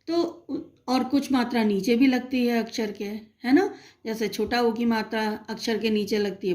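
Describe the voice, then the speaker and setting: A woman teacher slowly and patiently explaining a Hindi phonics lesson to young children, asking them questions as she goes. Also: on the high side, darkish tone. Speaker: primary school teacher.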